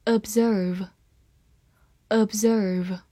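A woman teaching English vocabulary, reading each word slowly and carefully in a scripted lesson. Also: medium pitch, fairly even intonation, warm tone, no room sound.

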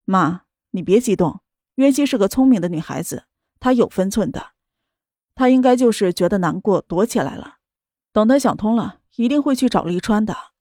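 A woman's voice: medium pitch, normal speed, no room sound, clean studio sound, natural voice. A woman voicing a cold, aloof young man. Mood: calm. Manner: flat, cold and dismissive.

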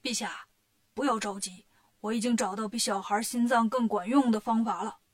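A woman's voice: fairly high pitch, fairly even intonation, moderate pace, voice pushed down, close to an everyday voice. Woman voicing a sneering old demon Taoist. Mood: scheming. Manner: scheming, sneering.

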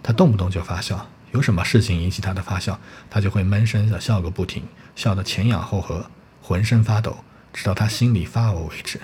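A man narrating a translated novel in a steady, low voice, reading along at an even storytelling pace. He trips over a word now and then and corrects himself. A faint hiss of ambience runs underneath. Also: brisk. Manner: steady storytelling with occasional slips. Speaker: audiobook narrator.

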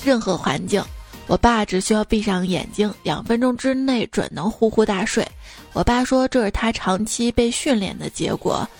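A woman radio host reading out listeners' jokes in a lively, amused storytelling manner. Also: mid-range voice, normal speed, faint music behind.

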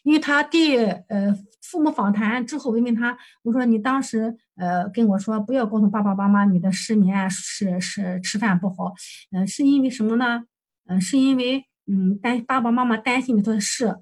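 Presenting a client case for supervision, a woman counselor recounts session dialogue hesitantly, full of fillers and self-corrections. She speaks at normal speed in a fairly high-pitched voice with a darkish tone.

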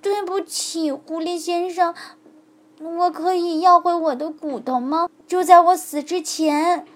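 A woman voicing a small, frightened piglet girl who speaks softly and pleads. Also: very high voice, fairly even intonation, a little slow, pitched above the performer's own voice. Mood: pleading. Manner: soft, timid, pleading.

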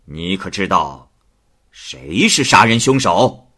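Guy putting on a bossy old chinese magistrate, loud and slow, husky bright voice, swings his pitch way up and down. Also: big pitch swings, heavily acted. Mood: stern. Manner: barks questions, drawn-out threatening delivery. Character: stern male magistrate of old China, imperious.

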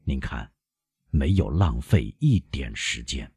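A man reading an audiobook, voicing a stern doctor who lays out an accusation in a cold, measured way. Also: extremely low pitch, animated, gravelly, darkish tone, slightly rough, dry recording, studio quality, pitched below the performer's own voice, heavily acted. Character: stern older male doctor, relentless accuser.

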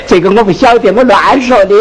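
Sichuan opera innkeeper, mocking and singsong, lively pitch, hissy old film audio. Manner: mocking, scolding, sing-song delivery. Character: sharp-tongued comic innkeeper scolding a poor scholar. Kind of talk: Sichuan opera stage acting. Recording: noisy 1970s film soundtrack.

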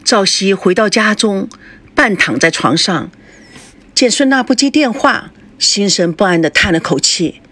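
A woman's voice: mid-range voice, animated, a little slow, fairly bright tone, soft background music. A woman narrating a serialized audio story as its host, reading expressively.

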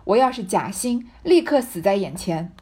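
A woman voicing a drunk, fawning, boorish young man who coaxes loudly. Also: mid-range voice, animated, normal speed, slightly rough. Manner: loud wheedling coaxing.

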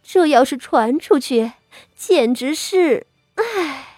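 A woman's voice: sits high, animated, takes it slowly, a little mellow, no room sound, studio quality, voice pushed up. A woman voicing a scheming concubine who mocks and sighs sarcastically. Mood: sneering. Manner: mocking, sighing, sarcastic. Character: sneering scheming concubine, middle-aged woman.

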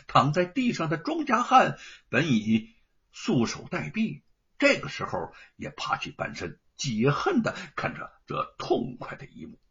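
A man telling a story in an animated, dramatic way. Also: a little high, measured pace, husky. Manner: animated, acting out scenes. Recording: dull lo-fi recording.

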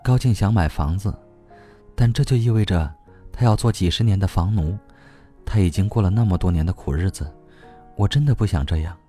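A man reading a novel aloud, voicing a young woman who speaks gently and coaxingly, with a slightly quiet tone. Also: sits low, a little fast, soft background music, natural voice. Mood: downcast. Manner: gentle, coaxing and soft-spoken. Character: cheerful but troubled young woman.

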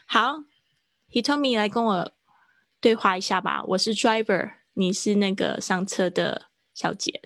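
Woman, English teacher, live online lesson, slow drawn-out demonstrations, mid pitch, dry. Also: a bit bright, no echo. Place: online class.

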